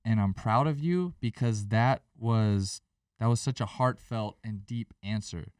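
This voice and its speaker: A man's voice: fairly low pitch, measured pace, darkish tone, clean tone, dry recording, far from the mic. A man co-hosting a trading podcast, speaking earnestly and giving the listeners advice. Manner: earnest, preachy, addresses the audience. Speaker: podcast co-host. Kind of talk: podcast conversation.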